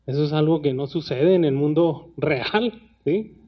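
A man's voice: fairly high pitch, unhurried. A man preaching a sermon in a conversational way, often asking rhetorical questions. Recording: dull lo-fi sound.

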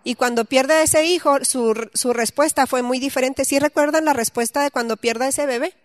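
A woman's voice: high-pitched, normal speed, no room sound. A woman teaching a Bible study, reading scripture aloud and then explaining it conversationally with questions to her listeners.

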